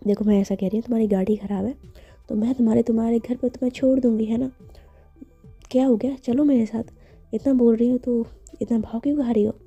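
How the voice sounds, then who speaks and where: A woman's voice: a little high, fairly even intonation, quick pace, dark tone, highs cut off, soft background music. Woman narrating a bold, teasing young woman. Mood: apologetic. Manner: bold, coaxing, playful.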